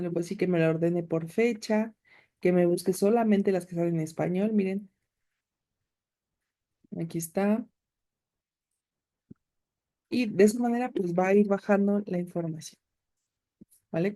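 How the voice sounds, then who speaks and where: A woman's voice: on the low side, warm tone. A woman teaching an online class, patiently walking students through a screen demonstration. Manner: patient, explanatory, direct address to students. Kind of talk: recorded class with screen demo.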